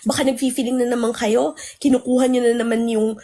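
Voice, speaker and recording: A woman's voice: fairly high pitch, little pitch movement, brisk, warm tone. A woman on a livestream, ranting indignantly and very emotionally, switching between Tagalog and English. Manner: self-described very emotional.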